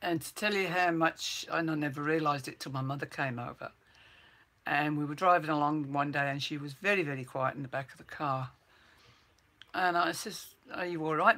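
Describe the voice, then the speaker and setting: An older woman from Birmingham, England hosts a livestream, chatting casually with viewers, reminiscing and repeating herself. Her low-pitched English accent has been softened by years in New Zealand, mixing in some Kiwi sounds.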